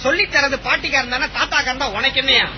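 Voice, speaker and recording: A man's voice: very high-pitched, steady tone, rapid-fire, pushed and bright, lo-fi sound, slight background noise, heavily acted. A man playing a nosy, chummy friend who asks blunt, teasing questions, in a comedy audio drama.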